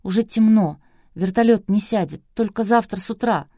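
A woman's voice: mid-range voice, moderate pace, warm tone, dry recording, studio quality, pitched above the performer's own voice, lightly acted. A woman voicing a timid male doctor who speaks plaintively in an audiobook. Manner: plaintive, whiny.

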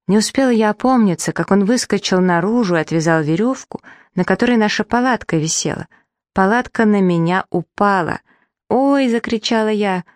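A woman narrating a children's audiobook in the first person, lively and acting out the dialogue. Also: medium pitch, dry recording, studio quality. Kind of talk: children's story reading.

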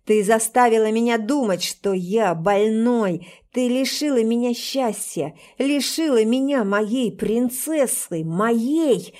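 A woman voicing an obsessive, violent young man in an audiobook, who shouts accusations and then turns softly menacing. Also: on the high side, slow pace, hardly any pauses. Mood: raging.

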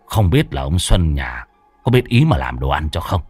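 A man's voice: very deep voice, sing-song, normal speed, darkish tone, slightly rough, no room sound, faint music behind, voice pushed down, exaggerated voice. A man voicing a coarse, grumbling old male exorcist, swearing bluntly. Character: gruff, crude, hungry old male exorcist.

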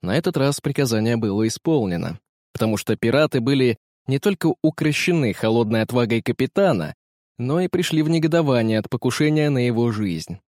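A man reading an adventure story aloud in an even, steady narrating voice. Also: mid-range voice, a little fast, no room sound, studio quality. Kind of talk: scripted audiobook narration.

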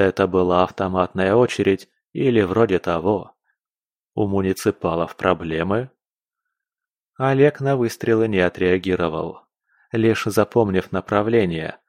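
Low-voiced male audiobook narrator. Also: a little mellow, no echo, clean studio sound. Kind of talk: scripted narration.

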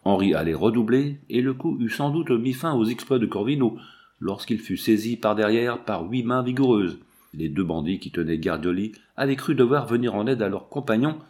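Low-voiced male audiobook narrator. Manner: steady, measured storytelling.

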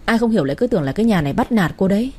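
Woman reading sharp-tongued old mother-in-law, scornful, needling, husky dark voice. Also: medium pitch, animated, rapid-fire, lightly acted.

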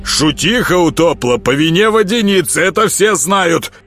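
A man's voice: on the high side, very animated, unhurried, fairly bright tone, faint music behind, pitched above the performer's own voice, full character voice. A man voicing a petty, spiteful male prosecutor who squeals officiously in an audiobook.

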